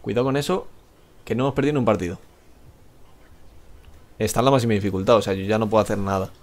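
Speaking very fast in a fairly low voice, a man with a Spain Spanish accent provides live commentary as he plays. His chatter rambles, turns self-mocking and is full of swearing.

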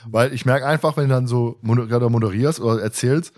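Talking fast in a mid-range, slightly mellow voice, a man hosts a podcast and fields the questions. He's jokey throughout and frequently chuckles as he speaks.

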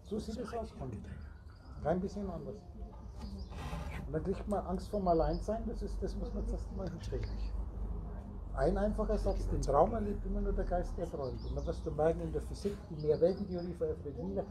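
A high-pitched male spiritual teacher speaks a little fast to a small group gathered in a meeting room. Rambling and toying with word roots, he addresses his listeners directly, while the recording picks up their chatter as noise behind him.

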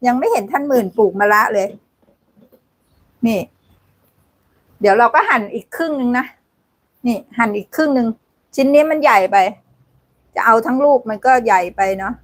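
A woman's voice: a little high, expressive, normal speed, long pauses, no room sound. A woman hosting a casual live cooking stream from a home kitchen, chatting, laughing and thanking viewers as she cooks. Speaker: cooking livestream host.

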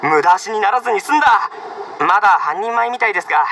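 An actor playing an excitable, presumptuous young man with a theatrical, pushy delivery in an anime game. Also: high voice, fast, noisy background. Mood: eager.

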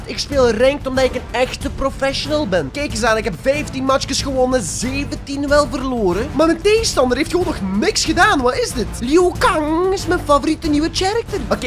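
A young Flemish man, a bit sick, joking and shouting through his gaming commentary. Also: extremely high pitch. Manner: joking, excitable, shouts during fights. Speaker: gaming YouTuber.

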